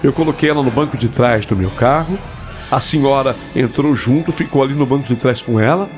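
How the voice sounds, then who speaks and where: A man with a Brazilian accent telling a first-person spooky story, with slow suspenseful pauses and asides to his listeners. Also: mid-range voice, faint music behind. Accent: Brazilian Portuguese.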